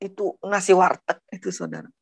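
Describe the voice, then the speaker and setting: A middle-aged woman from Padang, West Sumatra, gives an emotional personal religious testimony in a fairly low, husky voice whose pitch swoops wildly, with no room sound. Earnest and halting, she repeats words and keeps addressing her listeners directly as brothers and sisters.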